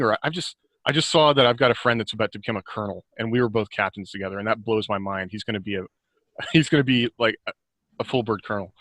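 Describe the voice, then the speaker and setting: His voice is medium in pitch and a bit bright, recorded without echo. The middle-aged author talks on a podcast in a relaxed, reflective way about writing and life, often going back to rephrase what he's saying.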